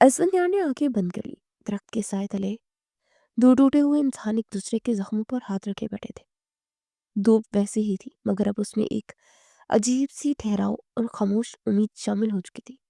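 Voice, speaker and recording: A woman slowly narrating a romance novel in a hushed, emotional storytelling manner. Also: fairly high pitch, creaky, no echo, studio quality.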